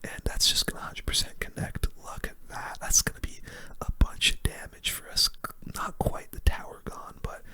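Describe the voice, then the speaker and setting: Casual ASMR gameplay commentary comes from a host who whispers breathily and softly near the mic, at a moderate pace, thinking aloud as he plays.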